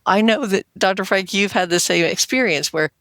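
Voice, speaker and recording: A woman's voice: mid-range voice, moderate pace, fairly bright tone, dry recording. A woman hosting a health podcast, speaking as a healthcare worker in an earnest, conversational way, stacking repeated phrases. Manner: earnest, repetitive "we want to" phrasing, acts out quotes. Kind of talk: conversational interview.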